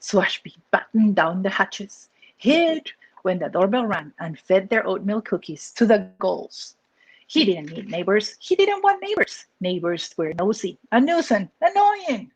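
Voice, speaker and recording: A Peruvian woman with a Peruvian accent reads her own picture book aloud, telling the story expressively and adding asides. Her mid-range voice is husky and measured in pace, and the recording is dry but poor in quality.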